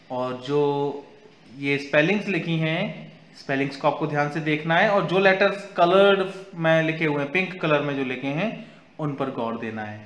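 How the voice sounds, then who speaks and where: A man's voice: a little high, a bit bright, echoey room. A male English teacher giving a grammar lesson to young children, spelling words out letter by letter and switching between Hindi and English.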